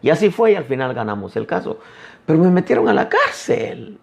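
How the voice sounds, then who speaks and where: A man preaching a sermon as an apostle, emphatic with dramatic pauses. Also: a little high, big pitch swings, gravelly.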